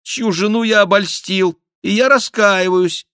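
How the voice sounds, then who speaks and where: A man voicing a mocking male court jester who makes a loud, nasal, theatrical mock confession. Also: unhurried, smooth, no room sound, clean studio sound. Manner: loud, theatrical, high-pitched mock repentance.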